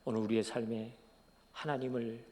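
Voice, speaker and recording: A man's voice: medium pitch, little pitch movement, normal speed. Man preaching in a reverberant church. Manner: swings from hushed quiet to loud emotional outbursts. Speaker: pastor. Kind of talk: sermon testimony. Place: church sanctuary.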